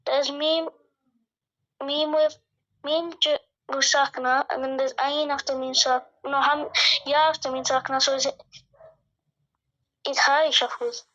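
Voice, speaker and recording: Hesitant high-voiced student, dull recording. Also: female voice, level tone, measured pace, pauses often, a bit bright. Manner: hesitant, unsure, many restarts. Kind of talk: reciting verses and answering in a lesson.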